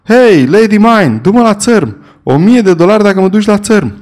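Frantic 35-year-old man, yelling, high strained voice, voiced by a male narrator, storybook. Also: expressive. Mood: desperate. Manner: yelling at full strength. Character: desperate 35-year-old man shouting to a passing boat.

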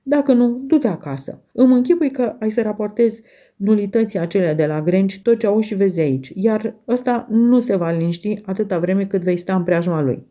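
A woman's voice: medium pitch, mellow, close to an everyday voice. A woman reading the lines of a harsh, scornful, mocking father in an audiobook.

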